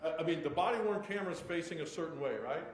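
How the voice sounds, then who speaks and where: Courtroom recording, lawyer guy with a high voice firing leading questions, faint hiss behind. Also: quick pace. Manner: leading questions ending in "correct?". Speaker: defense attorney. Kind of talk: courtroom cross-examination. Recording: echoey courtroom, distant mic, faint noise.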